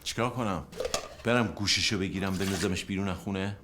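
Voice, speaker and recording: A man's voice: low voice, noisy background, close to an everyday voice. An actor playing a weary middle-aged husband grumbling sarcastically about his wife's parenting in a film drama. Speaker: husband and father.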